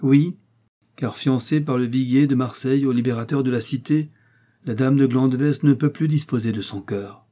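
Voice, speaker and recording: A man reading the part of an older monk prior, grave and measured, stern but fatherly. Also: medium pitch, warm tone, close to an everyday voice. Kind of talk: audiobook reading.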